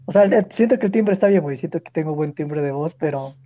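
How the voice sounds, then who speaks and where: A young man with a Mexican accent chatting casually with friends, with a flat, low-key way of talking. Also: fast, lo-fi sound. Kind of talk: casual chat among friends online.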